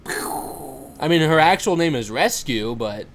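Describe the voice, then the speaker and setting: A man's voice: a little high, lively intonation, slow pace. A man in his twenties co-hosting a casual podcast, rambling with lots of fillers and laughing often. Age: 20s. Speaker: podcast co-host.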